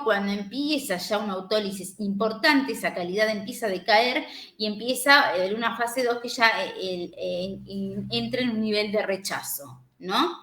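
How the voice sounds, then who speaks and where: A woman's voice: fairly high pitch, a bit bright. A woman from the River Plate region giving a university lecture, explaining step by step, with many fillers and tag questions. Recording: echoey room.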